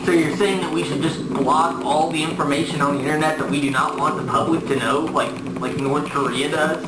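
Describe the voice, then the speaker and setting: A man's voice: on the high side, fairly even intonation, fairly quick, roomy sound, far from the mic, very noisy. Young man narrating a mock conspiracy. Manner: earnest, stammering. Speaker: host.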